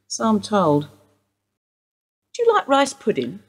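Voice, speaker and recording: In a radio play, a woman voices Mrs Steele, a wistful widowed English housewife under police questioning who rambles through her memories. Her mid-range voice swoops wildly in pitch, moving at a slow pace with a heavily acted delivery.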